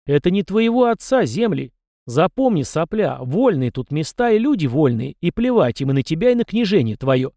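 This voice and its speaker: A stern, barking army commander voiced by a man narrating an audiobook, lifting his voice high and loud to berate a foolish youth. The sound is close and dry, with no room around it. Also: very animated, moderate pace, no echo. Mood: scornful. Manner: barking, scornful, raises voice. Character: gruff middle-aged male army commander, stern scolding mentor. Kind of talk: audiobook character voice.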